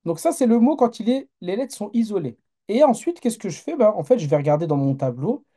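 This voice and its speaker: Very mellow-voiced man teaching a live class. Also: high voice, very animated, fairly quick. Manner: patient, explains step by step, checks in with learners. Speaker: Arabic teacher.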